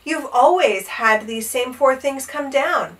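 A woman's voice: high-pitched, expressive, slow, a bit bright, far from the mic, heavily acted. A woman voicing an earnest young page boy in a children's storybook, timid and respectful as he cautions his master. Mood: startled pleading. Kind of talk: animated children's storybook read-aloud.

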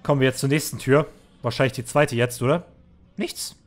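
A man's voice: medium pitch, fairly quick. A man reading game text aloud and commenting in a let's play, earnest and somber, with small restarts.

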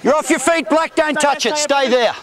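A male rugby referee in a high, raised register makes short calls and instructions on the field. Crowd noise is clearly heard behind him. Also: normal speed. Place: outdoor rugby ground. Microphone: body-worn referee mic.

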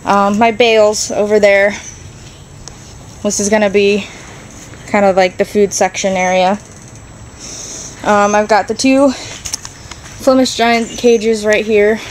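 A young rabbit keeper vlogs casually as she walks her straw-filled barn and yard, indoors and out, filming on a handheld phone. Her mid-range voice is fairly even and slow with long pauses, thinking aloud with plenty of ums, on a low-quality recording with a little hiss or hum.

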